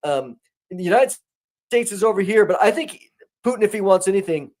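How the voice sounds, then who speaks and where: A man with a fairly high voice gives conversational commentary as a guest. He talks in an animated way, with many restarts. His emphasis keeps rising. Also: fairly quick.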